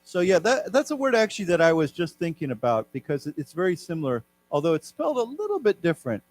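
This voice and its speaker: A man's voice: fairly high pitch, wildly swooping pitch, quick pace. A man, raised in Taiwan, teaching a live English class, explaining words and having the class repeat them. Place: lecture room.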